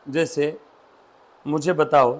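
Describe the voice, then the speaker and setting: A man's voice: on the high side, steady tone, slow pace. A man, teaching accountancy to a classroom and drilling students with questions. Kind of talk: classroom lecture.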